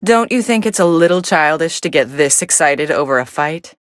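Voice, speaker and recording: Video game fight commentator: aloof young female android, lowish voice, sardonic deadpan delivery, very dry studio sound. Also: normal speed, no echo. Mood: scornful, irritated.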